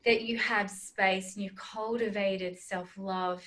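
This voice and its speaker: A woman hosting an interview, asking gentle, searching questions and stringing several words together. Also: mid-range voice, steady tone, takes it slowly, rough recording. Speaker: interview host.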